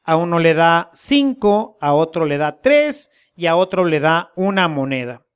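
Slow folksy Mexican preacher. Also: medium pitch, big pitch swings, smooth. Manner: folksy, humorous, rhetorical questions. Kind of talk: sermon.

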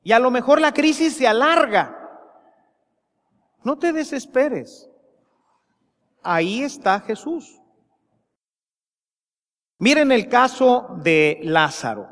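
A man with a Mexican accent preaching a sermon, slow and emphatic, rising into impassioned pleas. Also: very high voice, sing-song, fairly bright tone, long reverb tail. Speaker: priest.

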